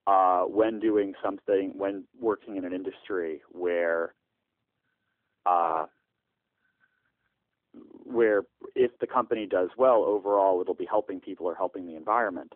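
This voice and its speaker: A man speaks in a very low voice over a landline phone, and the line sounds thin and tinny. The sound is dry and close. He answers in a halting way, with many "uh" fillers and restarts. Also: no echo. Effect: heard over a landline phone. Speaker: startup founder interviewed by phone.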